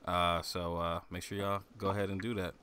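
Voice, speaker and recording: Smooth, low-voiced man with faint music. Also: flat delivery, a little fast, pushed and bright. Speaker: podcast co-host. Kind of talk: casual podcast talk.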